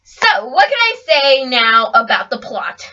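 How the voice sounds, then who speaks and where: Young woman gushing about anime to her viewers, bright voice, kinda dull lo-fi mic. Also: sits high, measured pace. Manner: chatty, excitable, addresses viewers directly. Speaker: anime reviewer. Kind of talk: casual video review. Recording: dull lo-fi home recording.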